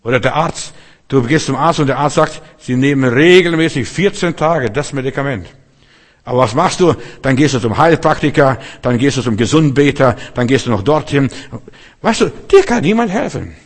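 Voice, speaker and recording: A man's voice: mid-range voice, lively intonation, brisk, big-room sound. A man preaching a sermon, emphatic and repetitive, speaking straight to his listeners with slightly broken grammar.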